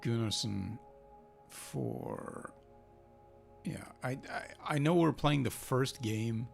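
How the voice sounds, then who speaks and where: An Icelandic-accented gaming host talks his way through a football manager match, thinking aloud in a chatty style and rooting for his side. He speaks slowly at a medium pitch with a creaky quality, while soft music plays behind him.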